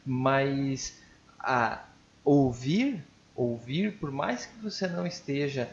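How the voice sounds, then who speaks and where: A man who sings in a band, a podcast guest speaking casually and reflectively in halting phrases. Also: mid-range voice, creaky. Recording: dull lo-fi audio.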